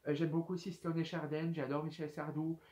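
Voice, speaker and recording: A young man, twenty-one, hosts a casual FAQ video on YouTube, reading viewers' questions aloud with hesitation and frequent fillers. He speaks a little fast in a level, higher-than-average voice with a darkish tone.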